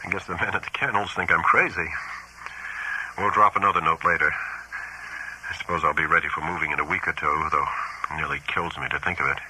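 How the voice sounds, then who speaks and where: A frightened farmer writes in haste and dread, read aloud by a man. His voice sits extremely low yet rings bright and edgy, the words halting and haunted. It is an audiobook of horror tales. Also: steady tone, slight background noise, poor audio. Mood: uneasy. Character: frightened older male farmer writing letters. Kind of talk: audiobook reading of horror letters.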